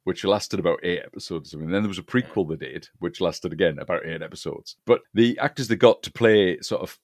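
Brief: low-voiced man, podcast host, chatty and relaxed, dry close sound. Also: brisk, no room sound. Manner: chatty, frequent yeah and fillers. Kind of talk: casual film chat.

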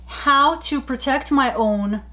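A woman co-hosting a casual podcast chat, animated and laughing often as she tells stories. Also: sits high, takes it slowly. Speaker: podcast co-host.

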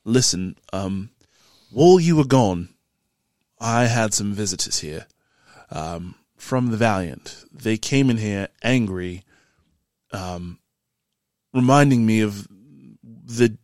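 A man doing a grave, hushed tavern keeper. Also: lively intonation, dry recording, clean studio sound. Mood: grave warning. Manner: low, hushed, serious and measured. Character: grave male tavern keeper warning the party.

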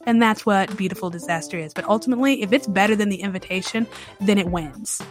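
A woman's voice: medium pitch, fast, soft background music. A woman hosting her own podcast, casually reviewing films in a candid, chatty way and often repeating herself for emphasis. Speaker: podcast host. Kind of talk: casual solo film review. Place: New Orleans.

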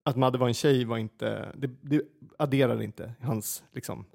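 A man telling a personal story in a casual podcast chat, animated and full of fillers and restarts. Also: medium pitch, vocal fry.

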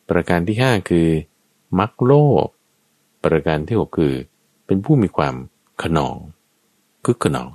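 A man with a low voice that rises and falls a great deal gives a dharma lesson point by point, dropping in everyday examples as he goes. The sound is dry and close, with no room around it. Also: darkish tone, no echo. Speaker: dharma teacher. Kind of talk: conversational Buddhist teaching.

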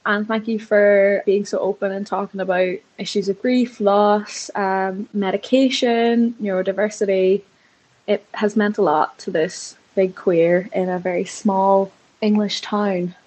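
Female caller, husky, gushing and sweary, casual voice-note delivery. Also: medium pitch, steady tone, measured pace, darkish tone, poor audio. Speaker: listener leaving a voice message. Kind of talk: casual, chatty voice message.

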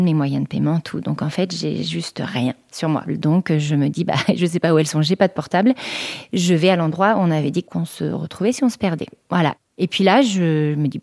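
Woman in her 40s, chatty storytelling, lots of stops and restarts, warm low voice. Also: vocal fry, no echo, studio quality. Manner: chatty, halting, frequent fillers and restarts. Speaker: guest telling her story. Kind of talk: personal testimony storytelling.

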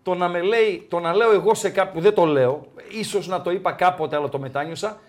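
A male host in a casual chat who drops in quick agreements and short comments. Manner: interjects short agreements, talks with a lively, rising and falling pitch.

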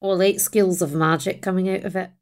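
A woman's voice: lowish voice, fairly even intonation, brisk, darkish tone. A woman playing a tabletop role-playing game, chatting casually and jokingly.

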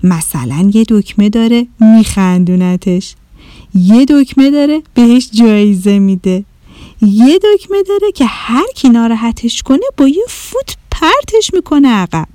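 Lively woman reading a children's story. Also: fairly high pitch, no room sound. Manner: expressive, gentle. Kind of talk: storybook narration.

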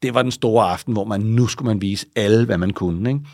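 A man with a gravelly, creaky voice tells long, rambling stories in a relaxed interview. He keeps checking in with tag questions and restarts his sentences. The room is dry, with no echo. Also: lowish voice. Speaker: interview guest. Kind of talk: casual interview talk.

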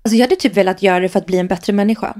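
A woman's voice: medium pitch, darkish tone. A Swedish woman co-hosting a podcast, chatting playfully and acting out imagined conversations. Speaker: podcast co-host. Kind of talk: casual chat.

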